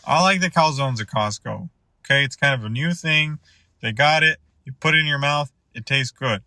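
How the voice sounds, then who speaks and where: A man's voice: medium pitch, normal speed, pushed and bright, dry recording. A man delivering a rambling comedic monologue, often stopping and restarting his sentences with mock exasperation. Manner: rambling, self-interrupting, exasperated. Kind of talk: rambling stand-up style monologue.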